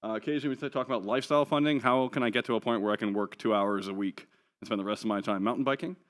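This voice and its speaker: This conference speaker talks very fast in a lowish voice. Presenting from slides in a conference hall with a New Zealand accent, he keeps things chatty, tossing in wry jokes and many ums.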